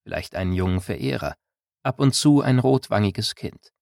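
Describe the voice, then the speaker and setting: A man narrates a novel in a calm, measured way. His voice sits on the low side. The sound is dry and close, with no room around it. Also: vocal fry, no echo. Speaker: audiobook narrator. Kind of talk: scripted narration.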